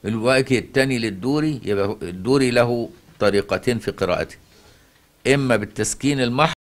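A man with an Egyptian Arabic accent teaching Quran recitation, explaining verses to a student with rhetorical questions and repeated key words. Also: lowish voice.

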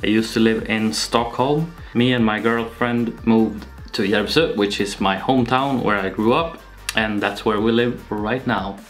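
A young man with a Swedish accent, talking slowly and casually to camera in a home vlog, with many pauses and fillers. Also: lowish voice, soft background music. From Sweden. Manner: slow and relaxed, with frequent pauses and fillers. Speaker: YouTuber. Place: small home room with shelves, indoors. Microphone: camera-mounted shotgun mic.

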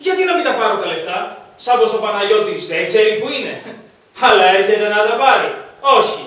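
A man's voice: high-pitched, expressive, a bit bright. Man playing a blunt, greedy schemer. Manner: gruff and blunt. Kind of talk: stage comedy acting. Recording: echoey stage from far off, faint noise.

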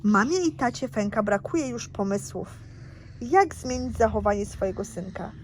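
A woman reading a children's book aloud slowly and carefully, pausing to ask a child questions. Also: a little high, animated, slight background noise. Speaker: reader to a child.

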